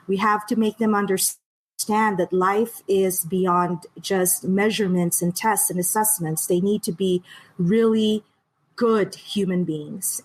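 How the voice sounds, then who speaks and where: A woman's voice: mid-range voice, breathy edge, low-quality recording. Earnest woman in her fifties. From Philippines. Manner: earnest, laughs easily. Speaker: education director and guest. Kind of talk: casual interview over a live stream.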